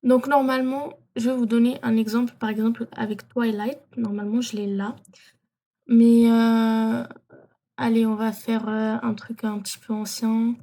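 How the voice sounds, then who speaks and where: Woman vlogger, casual tutorial, halting with lots of "euh", slightly high mellow voice. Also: flat delivery. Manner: hesitant, many fillers and self-corrections.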